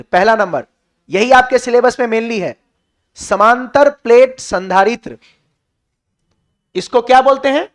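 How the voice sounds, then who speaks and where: A male physics teacher with a Bihari Hindi accent, lecturing a class and asking questions he then answers himself. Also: very high-pitched.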